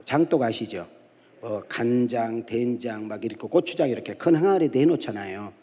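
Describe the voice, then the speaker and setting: Lively middle-aged pastor in an echoey church. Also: male voice, medium pitch. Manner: jokes and quizzes the congregation with call-and-response questions. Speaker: guest pastor. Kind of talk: humorous storytelling sermon. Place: large church sanctuary at a dawn prayer service. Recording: echoey church hall reverb.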